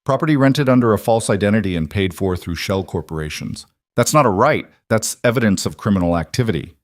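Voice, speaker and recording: A man's voice: on the low side, expressive, brisk, dry recording, studio quality, natural voice. A man voicing a corrupt male federal agent in an audiobook, speaking in a stiff, officious way. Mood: stern.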